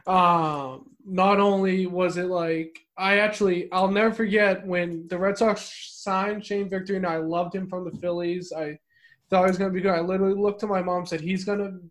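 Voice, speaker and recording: A man's voice: high voice, steady tone, normal speed, fairly bright tone. A man co-hosting a sports podcast, telling a story in an earnest, hesitant way with many fillers. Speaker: podcast co-host. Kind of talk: casual podcast chat.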